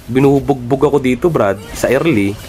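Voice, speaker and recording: A man giving live commentary on his own gameplay, excitable and trash-talking, swearing often. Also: medium pitch, moderate pace. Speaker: gaming streamer.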